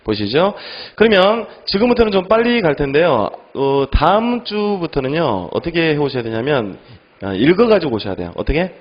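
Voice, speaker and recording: A male English teacher giving an online exam-prep lecture, firing quick questions at students and answering them himself. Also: highs cut off. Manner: animated, lively pitch.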